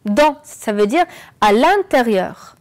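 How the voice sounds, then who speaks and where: A woman teaching French on an educational channel, explaining slowly and clearly and asking the viewers questions. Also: fairly high pitch, lively intonation. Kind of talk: televised classroom lesson.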